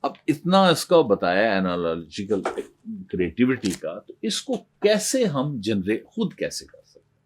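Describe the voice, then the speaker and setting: A male professor, lecturing in an animated storytelling way with fillers and restarts. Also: lowish voice, a little hiss or hum. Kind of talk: lecture on creativity. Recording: faint background music.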